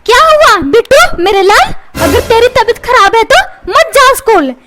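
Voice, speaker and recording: A woman voicing a quarrelsome, sharp-tongued mother and wife. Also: extremely high pitch, big pitch swings, normal speed. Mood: doting. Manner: scolding, quarrelsome. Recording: noisy background.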